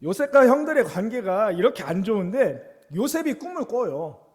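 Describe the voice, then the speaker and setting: A man's voice: high voice, sing-song, moderate pace, darkish tone, in a large hall. A young man preaching to children and teens as their youth pastor, in a conversational way that keeps asking them questions. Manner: conversational, asks the kids questions.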